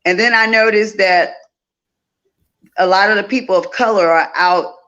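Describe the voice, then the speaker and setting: In a muffled recording, a woman with a mid-range, slightly bright voice speaks at normal speed with fairly even intonation. She's a festival organizer from Louisiana in her 50s, telling stories casually as an interview guest and repeating phrases for emphasis.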